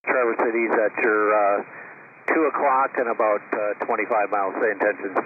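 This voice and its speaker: A man's voice: on the low side, fairly even intonation, moderate pace. A man speaking in clipped radio talk over an aviation radio transmission. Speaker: radio voice in air traffic audio. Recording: tinny noisy radio audio.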